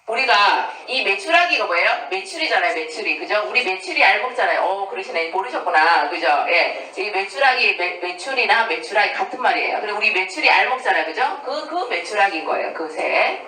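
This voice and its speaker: A middle-aged woman, a nun, leading a parish Bible study with a lively, teasing manner, often checking in with her class. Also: mid-range voice, a little fast, few pauses, slight background noise. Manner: lively, teasing, keeps asking the class "right?". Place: church hall with a class. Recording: echoey room from a distance.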